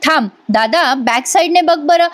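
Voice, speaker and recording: Worried young man shouting urgent orders, as a woman recapping a story puts him on, in a high voice. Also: measured pace. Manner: urgent, calling out commands.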